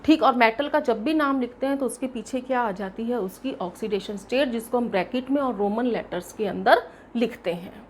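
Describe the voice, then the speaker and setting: A woman's voice: on the high side, normal speed, slight background noise. A woman chemistry teacher giving a classroom lecture step by step, asking questions and answering them herself. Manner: explains step by step with lively emphasis.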